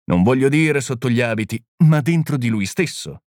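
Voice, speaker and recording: A man reading the part of a small, gentle priest-detective who explains things calmly and patiently. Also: mid-range voice, moderate pace, dry recording, studio quality, voice pushed up, natural voice. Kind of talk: audiobook reading.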